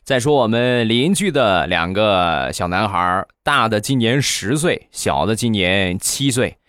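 A man, hosting a podcast and telling comic stories in a chatty, relaxed way. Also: on the low side, unhurried, clean tone, dry recording, clean studio sound. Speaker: podcast host. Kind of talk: comic storytelling.

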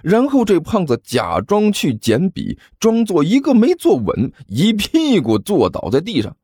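A man narrating a comic audiobook in a playful, expressive way. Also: high voice, a little slow, slightly rough, no room sound, studio quality.

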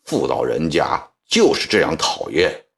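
A curt, irritable official, put on by a male storyteller, snapping short lines with a lively rise and fall. He sounds out of patience. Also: rumbling low, unhurried, vocal fry, pitched below the performer's own voice, exaggerated voice. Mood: impatient. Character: impatient male official assistant.

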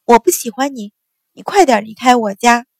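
A woman voicing a spoiled, bratty young girl who shouts and whines in a shrill, tearful voice. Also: animated, moderate pace, dry recording. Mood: defiant. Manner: shrill crying tantrum voice.

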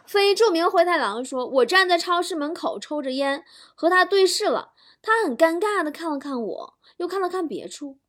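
A woman talk show host reading out listener jokes, playful and animated, adding quick comic asides. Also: extremely high pitch.

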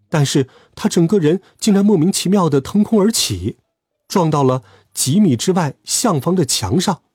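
A man telling a children's story aloud in a lively, expressive way. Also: fairly high pitch, breathy edge, no room sound, studio quality.

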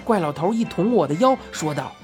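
A woman narrating a children's story in an expressive, lively reading style. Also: fairly low pitch, fairly quick, soft background music.

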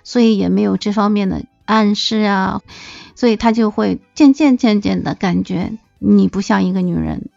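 A woman's voice: mid-range voice, moderate pace, gravelly, no room sound. A playful woman spins casual anecdotes in a chatty podcast, bouncing into the voices of the people she quotes. Her voice sits mid-height and dry, close to the mic. The sound is a touch dull, with faint music behind. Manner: lively, acts out quoted dialogue; playful, wisecracking. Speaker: podcast guest. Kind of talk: casual storytelling chat.

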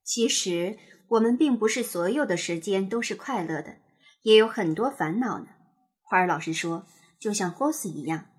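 Reading a children's picture book at a normal speed, a woman uses a lively, sing-song storytelling style. Her voice sits at a medium pitch with a breathy edge.

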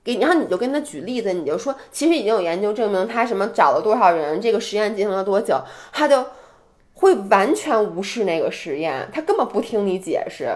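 A young woman co-hosting a casual podcast chat, telling everyday stories with animated, acted-out quotes of her family. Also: mid-range voice, quick pace. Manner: animated storytelling, acts out quoted parents with a raised voice. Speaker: podcast co-host.

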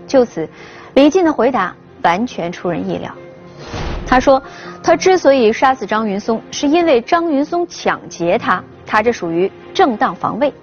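High, animated female true crime narrator. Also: normal speed. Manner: dramatic, poses rhetorical questions. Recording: dull sound with faint music. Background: faint background music.

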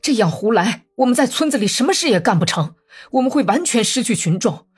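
A woman's voice: fairly high pitch, very animated, breathy edge, voice pushed up, heavily acted. A woman voicing an agitated village man who protests in alarm. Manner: fast, raised, upset.

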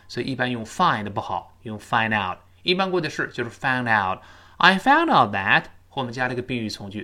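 Lively-voiced male English pronunciation teacher. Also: medium pitch. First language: Chinese. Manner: explains in detail, slows way down for model sentences. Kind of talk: spoken English lesson with repeat-after-me drills.

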